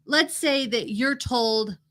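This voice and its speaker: Bright-voiced woman chatting casually. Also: a little high, slow pace. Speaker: podcast co-host. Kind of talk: casual chat.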